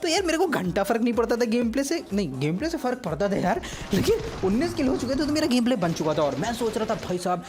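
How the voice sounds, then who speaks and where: A man giving casual, joking commentary over footage of his own mobile game match. He speaks at an ordinary pitch and keeps addressing viewers as brothers. Faint music plays under his voice. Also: big pitch swings, quick pace, few pauses. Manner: chatty, teasing, keeps saying "bhai sahab".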